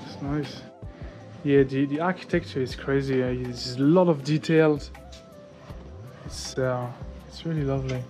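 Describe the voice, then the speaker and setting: Over music, a French man in his thirties chats to his action camera at arm's length while touring a temple courtyard and streets. His medium-pitched voice is fairly even and a little slow, with frequent pauses, but his casual vlog talk is enthusiastic and laughter-filled.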